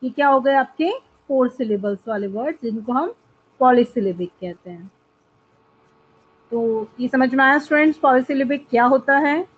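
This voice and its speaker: A woman teaching an English class online, switching between Hindi and English and drawing out each example word slowly. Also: high voice, lively intonation. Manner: mixes Hindi and English, slow drawn-out model words. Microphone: video call. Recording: tinny call audio.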